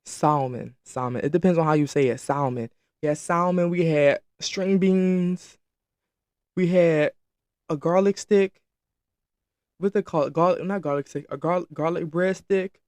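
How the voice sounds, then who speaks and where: Young guy host, slightly high voice, dry close sound, lively casual story-time delivery. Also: a little slow, no room sound. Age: late teens. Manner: chatty, animated, addresses viewers as y'all. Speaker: podcast host.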